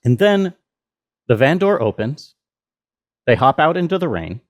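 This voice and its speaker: Recording himself in an indoor room with an air conditioner running, a man gives an easygoing, informal behind-the-scenes walkthrough as the sound designer of an audio drama. His voice is on the high side, sing-song, and a little slow.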